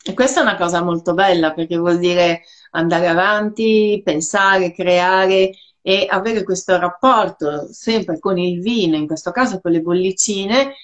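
A woman's voice: lowish voice, a little slow, few pauses. A woman sommelier hosting a live-stream interview, asking questions and responding appreciatively.

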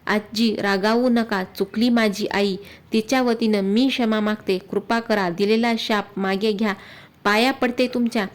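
A woman voicing a gentle, remorseful young princess in a folk tale, speaking slowly and pleadingly. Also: medium pitch, fairly even intonation, natural voice.

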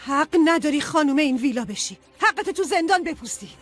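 A woman's voice: sits high, lively intonation, faint music behind. A dubbing actress voicing a loyal, indignant woman servant who scolds and defies her employers, in a dubbed TV drama. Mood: scolding. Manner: sharp, scolding, defiant. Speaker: servant of the villa.

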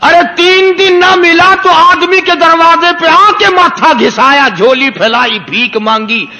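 A man's voice: extremely high pitch, bright, forceful tone, in a large hall, heavily acted. A man voicing a loyal dog who reproaches a saint with rhetorical questions. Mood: reproachful. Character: shameless-accused dog, loyal, scolding a saint.

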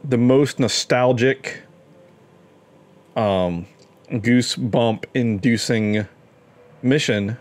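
A man's voice: mid-range voice, drawn-out words, long pauses. A young man casually commenting on his gameplay, playful and given to mock-dramatic exclamations. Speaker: let's play gamer.

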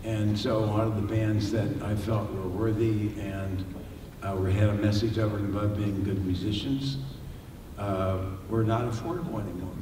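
An older man answering audience questions on a panel, halting with many fillers and restarts. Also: fairly low pitch, steady tone. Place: large library hall with audience. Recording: echoey hall, distant mic, noisy.

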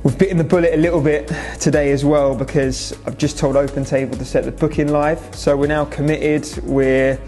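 A young English restaurant owner talks to a camera in a large indoor space for a vlog update on his renovation. His voice is a little high and a little mellow, with little pitch movement, a slightly fast pace and few pauses, and his manner is casual and matter-of-fact, heavy on "so" and "obviously." Faint music plays behind.

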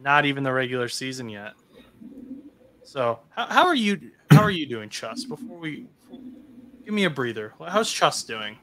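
Bright-voiced man talking football. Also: mid-range voice, normal speed, long pauses. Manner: relaxed, chatty, with frequent fillers and restarts. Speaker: podcast co-host. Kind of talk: casual sports chat.

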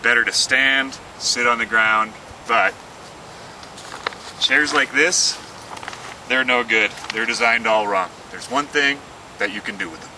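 A man, the inventor, presenting and demonstrating his product in an earnest pitch, talking through each movement. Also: a little slow, long pauses. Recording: slightly distant mic, faint outdoor noise.

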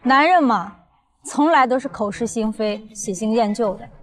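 A woman's voice: a little high, normal speed, lightly acted. An actress playing a ruthless, cold middle-aged company chairwoman in a drama. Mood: cold, commanding. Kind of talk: villain drama acting.

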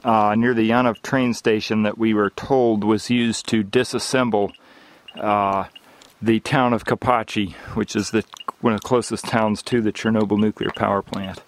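A man narrating outdoors on site as he takes and explains measurements, calm and explanatory with frequent fillers. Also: fairly low pitch, moderate pace. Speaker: field researcher measuring radiation. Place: outdoors in overgrown field. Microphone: handheld camera mic. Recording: loud clicking noise behind. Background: Geiger counter clicks.

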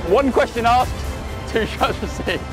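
A man in his twenties vlogging excitedly and casually outdoors at a football stadium. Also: extremely high pitch, a little slow, loud music behind the voice. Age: 20s. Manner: excitable, calling out over crowd. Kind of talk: casual excited vlog chat. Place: open-air football stadium, pitchside. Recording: loud stadium crowd, outdoors.

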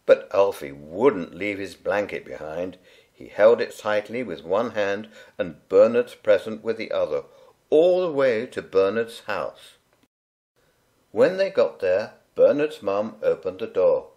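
A man reading a children's picture book aloud in a gentle, unhurried, expressive way. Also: on the low side. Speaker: storyteller. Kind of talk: read-aloud children's story.

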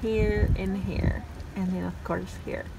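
A woman's voice: medium pitch, level tone, takes it slowly, vocal fry, recorded from a distance, heavy background noise. A woman in her thirties making a casual vlog in a parked car, talking to viewers while her fingers pull her lips apart. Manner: chatty, addressing viewers directly. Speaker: vlogger. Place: parked car outside a school.

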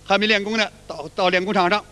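A man's voice: high-pitched, steady tone, fast, sharp tone. A man. His talk is folksy and repetitive, and he breaks into sung demonstrations. The sound carries a long reverb, as if recorded in a hall. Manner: folksy, repeats himself, demonstrates chants aloud. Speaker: qigong teacher. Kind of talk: colloquial spoken lecture.

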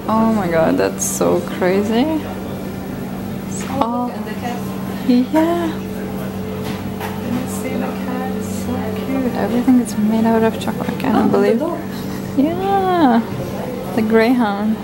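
A young woman vlogging casually while she shops and walks through a city, excitedly gushing over what she finds, recorded on a handheld camera. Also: on the high side, poor audio. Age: young adult. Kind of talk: casual vlog narration. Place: shops and streets of a city, indoors and out. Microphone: handheld camera mic.

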